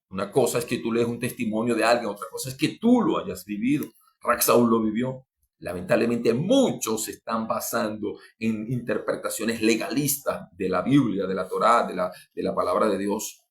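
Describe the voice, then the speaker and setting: A man preaching a sermon, fervent, with sudden rises in pitch and loudness, repeating and restarting phrases as he speaks to his listeners. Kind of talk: podcast sermon.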